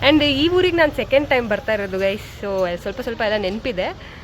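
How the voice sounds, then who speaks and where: A woman's voice: fairly high pitch, normal speed, slight background noise. Chatty young woman vlogging at home. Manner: chatty, laughs often, asks others questions. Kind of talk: casual vlog chat. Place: family home at an engagement function.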